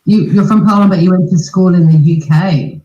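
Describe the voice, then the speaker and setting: An Australian woman hosting a scambaiting livestream, asking teasing, deadpan questions on a prank call. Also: on the low side, a little fast, echoey room, dull audio.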